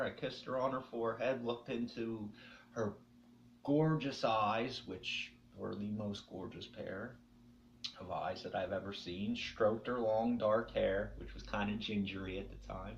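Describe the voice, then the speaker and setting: Low-voiced young man, emotional and halting. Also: steady tone, lo-fi sound, slight background noise. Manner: emotional, halting, swearing, often drops to near whisper. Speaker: vlogger. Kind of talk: personal monologue.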